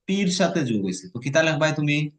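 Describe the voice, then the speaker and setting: A man's voice: on the high side, very animated, fairly quick. A man teaching an online lesson, patiently coaxing his student and breaking words into syllables.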